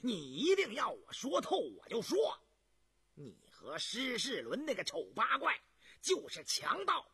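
A man voicing a brash, coarse young male prince who taunts loudly and sneers at his brothers. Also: sits high, huge pitch swings, slow, slightly rough, dry recording, voice pushed up, heavily acted. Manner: loud, sneering, boisterous.

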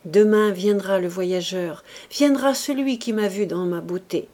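A woman's voice: mid-range voice, drawn-out words, fairly bright tone. A woman reading the part of an anguished young man declaiming mournful verse, with music behind.

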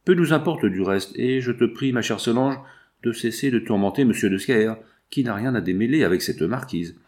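A man's voice: mid-range voice, animated, normal speed, darkish tone, natural voice. A man reading the part of a shrewd, scheming male financier in an audiobook, speaking in a persuasive, self-assured way.

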